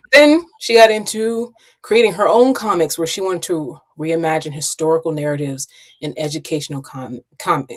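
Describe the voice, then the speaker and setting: Low-voiced chatty woman host. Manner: animated, chatty, laughs often. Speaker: podcast host. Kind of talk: casual interview chat.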